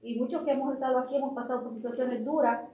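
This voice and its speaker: A woman's voice: high-pitched, fairly even intonation, racing, dark tone. Middle-aged woman sharing a testimony. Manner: earnest storytelling, quotes others. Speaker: church member. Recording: echoey room.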